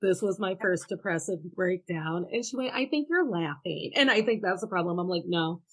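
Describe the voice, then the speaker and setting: A woman in her early thirties from Ohio, a guest on a podcast. She tells personal stories frankly and with wry humor, laughing between lines. Her voice sits a little low for a woman. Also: expressive, moderate pace, low-quality recording. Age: 30s. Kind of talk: casual chat.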